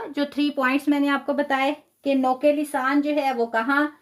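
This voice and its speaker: Her high, fairly bright voice guides students through a live online Quran recitation lesson. She spells each sound out slowly and patiently, praising them as she goes.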